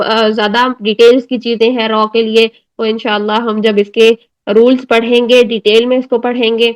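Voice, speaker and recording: A woman with a Pakistani Urdu accent teaching an online recitation lesson, patiently explaining step by step and slowly demonstrating drawn-out recited words. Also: a little high, poor audio.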